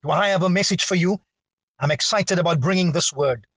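A man preaching a sermon with a dramatic, drawn-out delivery and big swings in pitch. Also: fairly bright tone, dry recording.

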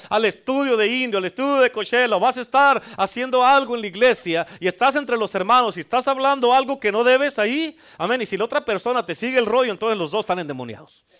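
Male pastor, middle-aged, high voice, call-and-response preaching. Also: fairly bright tone, clean tone. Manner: call-and-response preaching, asks congregation for amens. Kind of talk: sermon.

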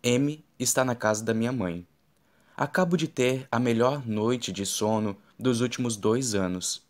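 A man narrating a novel in the first person, with steady, even reading. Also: mid-range voice, a little slow. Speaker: audiobook narrator.

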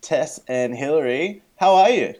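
A man's voice: on the high side, lively intonation, a little slow, a crowd in the background. A man with an Australian accent co-hosting a podcast in casual, tongue-in-cheek banter. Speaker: podcast co-host.

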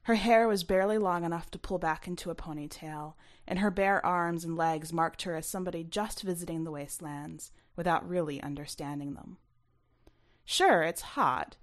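A woman with a slightly low voice reads first-person fiction from a script, sounding like an author presenting her own work.

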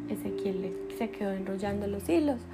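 A mother improvising a bedtime story for her child in bed, narrating gently and without hurry. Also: medium pitch, normal speed, gravelly, music in the background. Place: bedroom, in bed.

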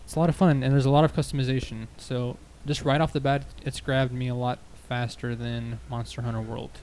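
A man's voice: medium pitch, flat delivery, brisk, a little mellow, slight background noise. A man hosting a casual gaming podcast, talking loosely and joking with lots of filler words. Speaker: podcast host. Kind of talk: casual chat.

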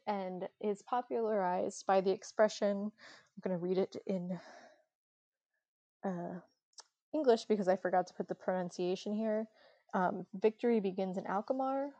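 Giggly chatty woman with a mellow voice. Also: medium pitch, no echo. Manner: chatty, giggly, lots of fillers. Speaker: podcast co-host. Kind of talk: casual travel chat.

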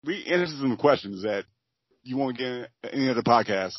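A man co-hosting a podcast in casual chat, tossing out teasing deadpan one-liners. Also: mid-range voice, fairly quick, no room sound, highs cut off. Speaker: podcast co-host.

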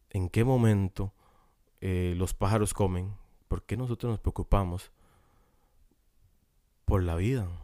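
Deep-voiced Costa Rican preacher. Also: male voice, warm tone, dry recording, clean studio sound. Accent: Costa Rican Spanish. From Costa Rica. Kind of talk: sermon.

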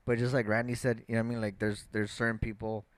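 A man's voice: on the low side, level tone, quick pace, no echo. A young man with a slight lisp and a stutter, swearing through casual podcast chat. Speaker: podcast co-host.

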